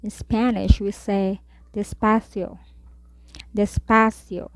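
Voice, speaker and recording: Very slow woman teaching Spanish words. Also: mid-range voice, little pitch movement, dry recording. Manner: says each word, then repeats it slowly. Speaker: Spanish tutor. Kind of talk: slow vocabulary lesson.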